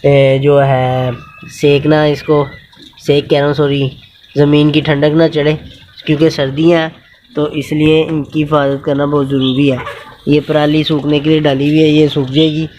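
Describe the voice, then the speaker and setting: A man in a casual instructional vlog, explaining goat care outdoors in an unhurried way with many pauses and fillers. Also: on the high side, flat delivery, a little mellow, a little hiss or hum. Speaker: goat keeper and channel host. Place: outdoors in a yard with animals.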